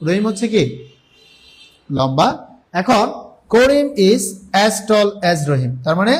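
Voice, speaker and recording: A young Bangladeshi man with a high voice, teaching English grammar in a live online class. He asks his students a question and answers it himself right away, again and again. He draws the English example words out slowly so they are easy to follow. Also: a little hiss or hum. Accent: Bangladeshi Bengali.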